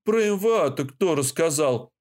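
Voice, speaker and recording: A man's voice: a little high, animated, measured pace, a little mellow, pitched above the performer's own voice. A man voicing a tense, brooding young male naval officer in an audiobook, speaking curtly. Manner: curt, sardonic.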